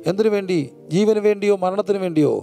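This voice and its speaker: Fervent preacher with a dark voice. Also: male voice, sits high, fast talker, faint music behind. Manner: fervent, rhythmic call-and-response preaching; drops to a soft, hushed storytelling voice. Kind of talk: Bible study sermon.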